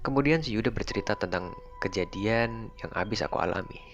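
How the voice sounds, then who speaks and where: Low-voiced man telling a horror story. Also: fairly quick, fairly bright tone, dull audio. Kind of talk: casual horror story narration. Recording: faint music underneath. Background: faint background music.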